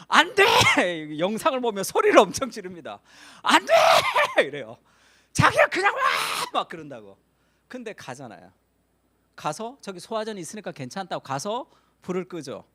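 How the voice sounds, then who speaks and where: A middle-aged male pastor giving a Sunday sermon, telling stories with animation and acting out the voices of the people in them. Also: high voice. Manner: animated storytelling, acts out quoted voices.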